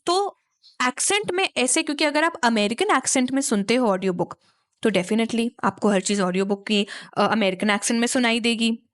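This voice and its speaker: A woman's voice: on the high side, lively intonation, fairly quick. A woman with an Indian accent explaining an English speaking lesson in a chatty way, repeating points and checking in with "right?". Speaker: English teacher.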